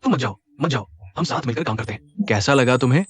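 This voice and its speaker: A man's voice: medium pitch, lively intonation, fast, close to an everyday voice. A man dubbing a fatherly, persuasive middle-aged shopkeeper in a drama. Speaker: uncle figure and business partner. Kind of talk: dubbed drama acting.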